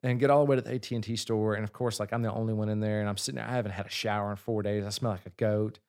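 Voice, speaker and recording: A man, a singer, telling a long story in casual chat, with frequent swearing and lively asides. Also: on the low side, very fast, clear, resonant tone. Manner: profane, animated storyteller. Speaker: singer and guest.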